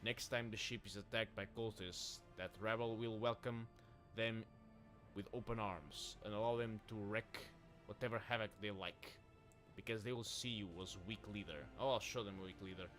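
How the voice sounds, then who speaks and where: A man's voice: fairly low pitch, fairly even intonation, moderate pace, fairly bright tone, faint music behind, close to an everyday voice. A man voicing a stern, proud older male seneschal and former navy officer, who speaks in a formal, reproachful way.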